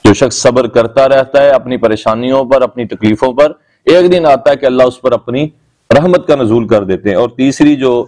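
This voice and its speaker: Man, mid-pitched, teaching sermon delivery, patient and repetitive. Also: darkish tone. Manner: explanatory, repetitive phrasing, recites Arabic verses. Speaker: Islamic preacher. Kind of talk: Urdu sermon summarizing the Quran.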